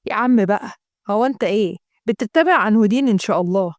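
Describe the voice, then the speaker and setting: A woman's voice: mid-range voice, fast talker, no room sound, clean studio sound, natural voice. A woman voicing a worried young Egyptian man protesting to his friend. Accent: Egyptian Arabic.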